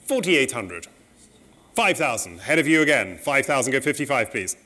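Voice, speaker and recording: A middle-aged man working as an auctioneer, calling bids in a saleroom in a brisk, polite, repetitive way. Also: medium pitch, very animated, pushed and bright.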